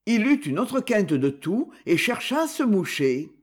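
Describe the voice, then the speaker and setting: A man narrating a literary novel aloud in a measured storytelling manner. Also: high-pitched, husky. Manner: measured storytelling with lively intonation. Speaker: audiobook narrator.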